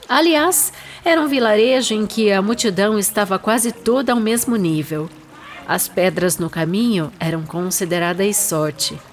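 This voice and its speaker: A woman speaking with a Brazilian accent narrates her own short story in a dramatized, literary style, using deliberate and expressive phrasing in a medium-pitched voice.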